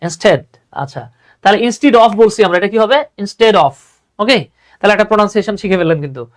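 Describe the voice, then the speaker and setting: A man's voice: high voice, lively intonation, rapid-fire. A young man teaches English grammar in an online class, chatty and full of little affirmations. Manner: chatty, repeats "হ্যাঁ", mixes English terms into Bengali.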